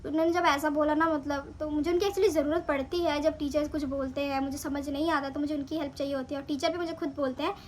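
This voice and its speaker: A woman's voice: high voice, steady tone, fast talker, hardly any pauses, a little hiss or hum. A young woman in clinical training, chatting animatedly as she retells her own experiences in a casual vlog.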